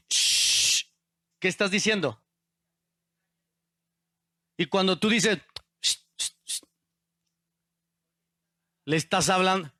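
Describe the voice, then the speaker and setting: A man's voice: high-pitched, pushed and bright, no echo, clean studio sound. A male pastor preaching a sermon and asking the congregation questions. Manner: asks the congregation questions, call-and-response.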